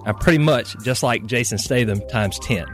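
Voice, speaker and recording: A man's voice: medium pitch, moderate pace, faint music behind. A man, a radio contestant, reading out a comic love letter with exaggerated inflection.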